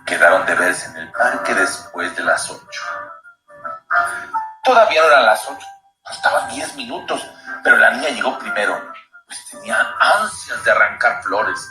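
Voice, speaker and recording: A man reading his own story aloud, expressive and slowing down for suspense. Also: lowish voice. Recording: roomy echo with music bed.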